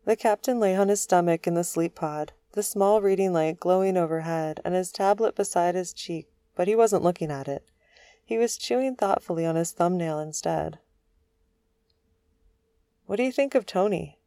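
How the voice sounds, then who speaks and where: A woman narrating an audiobook in a calm, even storytelling manner. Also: on the low side, normal speed, clear, resonant tone, no echo, studio quality.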